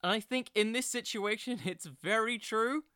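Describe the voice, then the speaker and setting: A podcast host with a bright, forward, medium-pitched voice offers casual solo commentary at a moderate pace. The close, dry recording captures a clean tone and an informal, self-deprecating manner, as if chatting straight to listeners.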